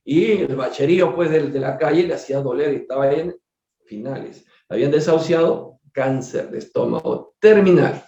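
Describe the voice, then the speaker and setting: A man's voice: fairly high pitch, normal speed, mellow. Man lecturing in an echoey room. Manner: digressive, conversational, with repeated words and asides to listeners. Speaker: doctor giving a spiritist book study. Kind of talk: storytelling lecture. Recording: echoey room, dull lo-fi sound.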